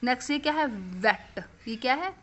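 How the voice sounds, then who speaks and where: A woman's voice: high-pitched, expressive, brisk. A young woman teaching phonics to children, asking questions and repeating the answers back. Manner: repetitive call-and-response questioning.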